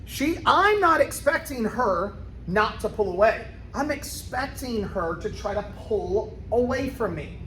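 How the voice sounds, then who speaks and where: A woman with a fairly high voice leads a children's karate lesson as the instructor. She explains the techniques step by step in an instructional demonstration style. The room is noticeably echoey, with clear noise behind her. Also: lively intonation, measured pace, fairly bright tone. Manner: step-by-step explaining, checking with "okay?". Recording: roomy echo, clear background noise.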